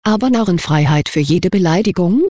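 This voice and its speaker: A reader giving a scripted first-person narration of a confession in an even, matter-of-fact way. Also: medium pitch, brisk, no room sound, clean studio sound.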